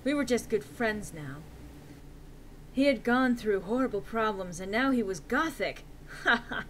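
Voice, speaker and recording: A woman's voice: on the high side, lively intonation, measured pace, a little hiss or hum, low-quality recording. A woman giving a dramatic reading of fan fiction with the theatrical delivery of a hammy stage actor. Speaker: reader.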